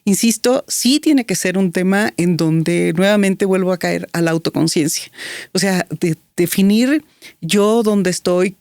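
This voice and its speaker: A woman's voice: on the low side, unhurried, darkish tone, dry recording, studio quality. A woman, a guest telling a personal story in an interview, reflective, with many fillers and restarts. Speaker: guest, business strategist.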